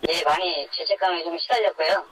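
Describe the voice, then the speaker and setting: A man's voice: a little high, steady tone, brisk, a bit bright, slight background noise. A man in his twenties with an electronically disguised voice, recounting his experience as an anonymous interviewee on a phone call. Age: 20s. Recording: dull, narrow phone line on radio.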